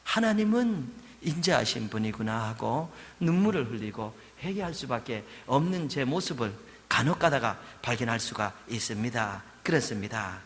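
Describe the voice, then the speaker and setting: A male senior pastor preaching a sermon, swinging between loud rebukes and soft, gentle passages. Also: mid-range voice. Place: large church sanctuary. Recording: church hall with long reverb.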